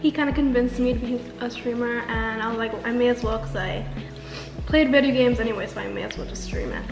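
A woman's voice: on the high side, fast talker, vocal fry. A young adult woman, a streamer, chatting casually at the table while she eats. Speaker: streamer hosting a mukbang Q&A. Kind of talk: casual chat over food. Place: indoor dining table in a large room. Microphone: camera across the table. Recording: echoey room, music behind.

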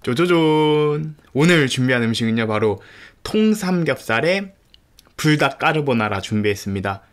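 A man's voice: medium pitch, animated, normal speed. A man hosting an eating show, chatting casually about his food while his mouth is full of meat. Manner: chatty, explains what he cooked. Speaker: mukbang host. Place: home.

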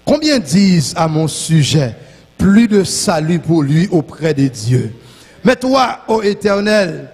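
A man reads a psalm aloud with a husky, gravelly voice. His pitch climbs and falls widely as he declaims slowly. The sound trails off in a long reverb. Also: darkish tone. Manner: slow, lifting declamation. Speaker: psalm reader. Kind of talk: reading scripture aloud.

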